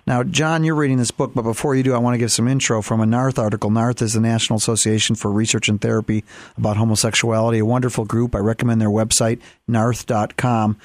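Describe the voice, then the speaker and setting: Halting male talk-show host, dry sound. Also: mid-range voice, little pitch movement, no echo. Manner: halting, many fillers and restarts.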